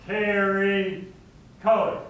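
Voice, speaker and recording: A man calling color guard drill commands in slow, drawn-out shouts, heard from away from the microphone. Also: high voice, monotone, dull audio. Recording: far from the mic.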